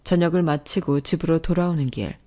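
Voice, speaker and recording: A woman narrating a scripted family story with a low voice. She reads at a calm, even storytelling pace, clearly and without fuss. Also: brisk.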